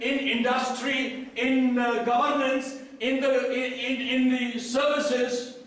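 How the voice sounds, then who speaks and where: Indian man, very high voice, conference speaker peppering the room with questions, distant mic in a booming hall. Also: fairly bright tone. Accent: Indian English. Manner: quizzes the audience, then repeats their answers. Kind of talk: interactive talk to an audience. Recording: echoey hall from a distant mic, faint noise.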